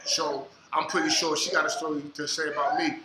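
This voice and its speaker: A man hosting a casual podcast interview, joking and bantering loudly in slang. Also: fairly high pitch, flat delivery, a little fast, reverberant, background noise. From United States. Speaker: podcast host.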